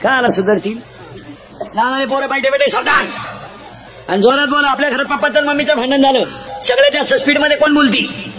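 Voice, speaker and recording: A man preaching a humorous devotional sermon, punchy and jokey, quizzing the crowd with sharp calls. He speaks into a stage mic at an outdoor gathering. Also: very high-pitched, fairly even intonation, fast talker, long pauses. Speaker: kirtan preacher. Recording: loud crowd and heavy background noise.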